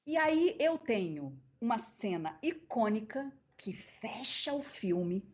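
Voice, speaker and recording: A woman with a Brazilian accent, a guest voice actress on a podcast, telling stories in an animated way. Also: medium pitch, breathy edge. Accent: Brazilian Portuguese. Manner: animated storyteller, acting out quoted voices. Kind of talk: casual interview storytelling. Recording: dull lo-fi podcast audio.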